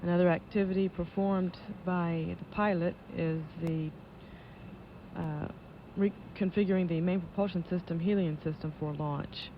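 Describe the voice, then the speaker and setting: A woman giving live launch control commentary as an official announcer, in a measured, matter-of-fact way. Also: fairly low pitch, steady tone. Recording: dull lo-fi broadcast audio with noise.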